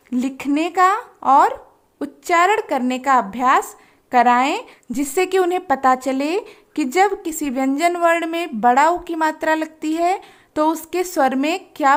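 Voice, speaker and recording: A woman teaches a lesson in a high voice, moving at a very slow pace. She sounds out each syllable carefully and clearly, in an instructional manner.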